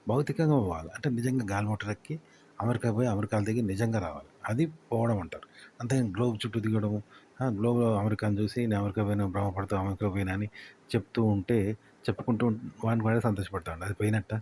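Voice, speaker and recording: A man's voice: fairly low pitch, fast talker, dark tone, slight background noise. A man explaining tips in a talk to camera, repeating himself and asking rhetorical questions. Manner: repetitive, full of rhetorical questions. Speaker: YouTube tips instructor.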